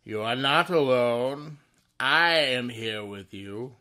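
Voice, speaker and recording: The Shadow, a slow menacing avenger. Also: male voice, medium pitch, sharp tone. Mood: ominous. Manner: slow, ominous, mocking. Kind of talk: 1930s radio drama acting.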